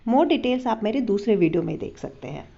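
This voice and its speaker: A woman's voice: mid-range voice, animated, moderate pace, gravelly, warm tone. A woman teaching a phonics lesson, carefully spelling words letter by letter and sounding them out. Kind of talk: slow explanatory phonics lesson. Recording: dull lo-fi recording.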